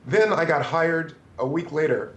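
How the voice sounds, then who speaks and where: A man in his fifties, a photographer telling stories as an interview guest, animated and prone to restarts. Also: fairly high pitch, a little slow, roomy sound, dull audio. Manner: animated, restarts and acts out quotes. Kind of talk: anecdotal interview storytelling.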